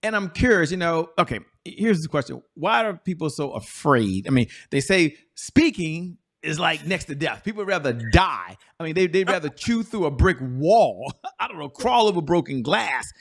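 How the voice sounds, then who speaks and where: A man's voice: a little high, very animated, moderate pace, few pauses, a bit bright. A man hosting an entrepreneur interview show, enthusiastic and emphatic, repeating words for effect. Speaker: show host. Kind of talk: energetic interview talk.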